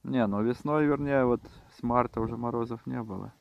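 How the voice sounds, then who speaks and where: A man giving casual, unhurried commentary on his own fishing in short muttered remarks, recorded outdoors with wind on the mic. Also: medium pitch, vocal fry, no echo, dull audio. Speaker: angler filming own fishing vlog.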